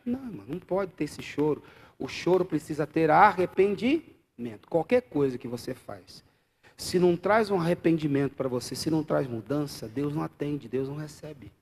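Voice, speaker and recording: A man with a Brazilian Portuguese accent preaching a live church sermon, swinging from loud exclamations to quiet asides and bantering with the congregation. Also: a little high, animated, moderate pace, vocal fry, slight background noise. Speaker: pastor.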